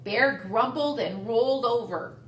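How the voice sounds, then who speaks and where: A woman librarian reading a storybook aloud to children, gentle and expressive, in a library. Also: a little high, unhurried, a little hiss or hum. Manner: sing-song, gentle, expressive. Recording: roomy, distant mic.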